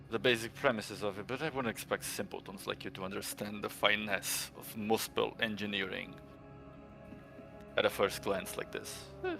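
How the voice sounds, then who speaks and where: A man's voice: on the low side, vocal fry, bright, forceful tone, exaggerated voice. A man voicing an arrogant, pompous male engineer villain who talks down to everyone. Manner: condescending, grandiose.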